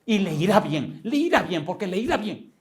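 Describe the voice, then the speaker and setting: A shaken, frenzied rich man, voiced by a male preacher rises in pitch as he insists over and over. He sounds trembling and urgent, set apart from the preacher's own storytelling voice. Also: very animated, normal speed. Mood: fervent trembling. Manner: insistent, repeating himself.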